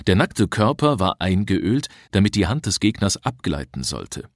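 A man reads an adventure story aloud with expressive storytelling. His voice sits low but moves lively through its range. The sound is dry and close. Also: normal speed, dry recording. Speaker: audiobook reader. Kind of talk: scripted narration.

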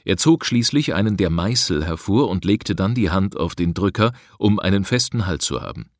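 Deep-voiced male audiobook narrator. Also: animated, moderate pace, dry recording, clean studio sound. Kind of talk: scripted narration.

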